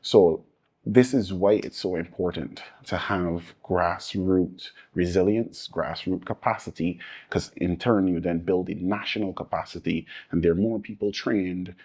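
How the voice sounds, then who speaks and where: A Barbadian man speaks as an interview guest, his voice sitting very low with a husky edge. He answers earnestly and in measured steps, stacking his points in repeated phrases. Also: a little mellow. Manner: measured, listing points in layered repetition. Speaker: interview guest, disaster resilience advocate.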